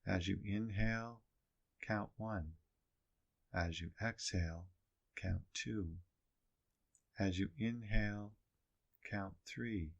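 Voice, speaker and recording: A man teaching meditation, slowly guiding breath counting in measured phrases with pauses between them. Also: fairly low pitch, creaky, lo-fi sound. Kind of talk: guided meditation instruction.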